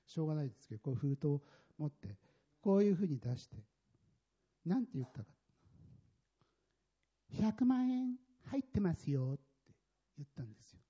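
Husky man telling an animated testimony. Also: on the high side. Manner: animated, emphatic storytelling. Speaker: church member giving testimony. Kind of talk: personal testimony in a sermon. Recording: dull lo-fi recording.

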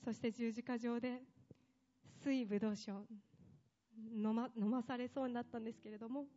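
A woman's voice: on the high side, steady tone, fairly quick, warm tone, dull audio, faint music behind. A woman preaching a sermon with impassioned delivery, building up long emphatic lists.

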